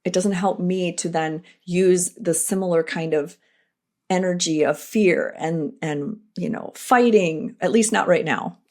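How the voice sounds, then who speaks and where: A middle-aged woman hosting her own podcast, talking through a personal, reflective monologue in an earnest, animated way with frequent asides. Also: fairly low pitch, unhurried. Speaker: podcast host.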